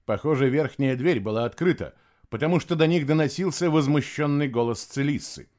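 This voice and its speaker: A man narrating an audiobook in an expressive storytelling manner. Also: a little high, fairly quick. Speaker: audiobook reader. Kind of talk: scripted narration.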